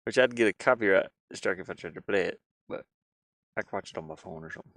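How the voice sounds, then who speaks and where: In a casual livestream, a game-streaming host and hobby game designer rambles and mutters while working on screen, thinking aloud. His low, creaky voice has a fairly bright tone and a quick pace, with no echo.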